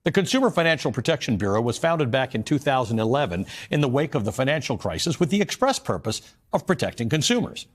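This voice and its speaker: A man's voice: medium pitch, very animated, fast talker, few pauses. A man anchoring a news program, introducing a guest and starting an interview.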